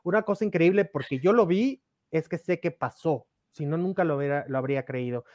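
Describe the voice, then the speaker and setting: Brief: male podcast guest, animated storyteller, a little high voice, dry close mic. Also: fairly quick, no echo. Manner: animated, acts out quoted dialogue. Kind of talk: casual storytelling.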